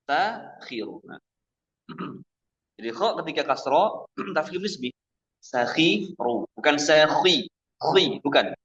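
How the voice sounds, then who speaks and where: A man teaching Quran recitation at a mosque, with a fairly high voice and a very slow, deliberate delivery. He drills sounds one at a time, setting right readings against wrong ones. The recording is dull and lo-fi. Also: lively intonation, a bit bright. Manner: slow, deliberate, repeats each sound several times. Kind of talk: Quran pronunciation lesson. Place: mosque study session.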